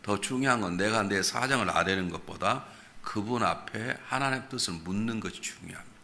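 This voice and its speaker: A man's voice: on the low side, a little fast, creaky, bright, forceful tone, slight background noise. A man preaching a revival sermon as a pastor, speaking directly to the congregation with rhetorical questions and emphatic, acted-out exchanges. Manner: emphatic, acts out conversations with congregants. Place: church revival meeting.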